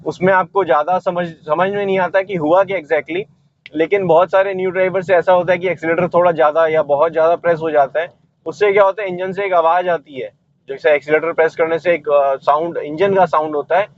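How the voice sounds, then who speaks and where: High-voiced man teaching driving from the car. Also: muffled recording. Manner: explanatory, repeats "ye dekhiye" while demonstrating. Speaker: driving instructor. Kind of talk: instructional commentary while driving. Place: inside a car while driving.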